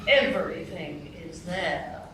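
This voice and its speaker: A woman playing the Duchess, a brusque, cryptic noblewoman who talks in a dismissive, drawn-out way. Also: deep voice, lively intonation, very noisy. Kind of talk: live radio play acting. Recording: echoey hall, distant mic.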